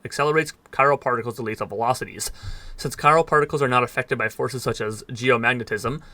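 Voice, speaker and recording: A man's voice: mid-range voice, fast talker, pushed and bright, dry recording. A man reading in-game text aloud at speed, stumbling over words now and then and dropping dry asides. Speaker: gaming let's player.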